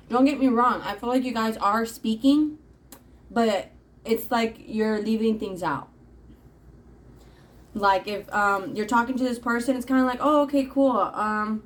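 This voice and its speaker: A woman's voice: medium pitch, slight background noise, rough recording. A woman reading tarot cards in a casual, rambling monologue with plenty of fillers. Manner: chatty, rambling, frequent fillers. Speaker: tarot reader.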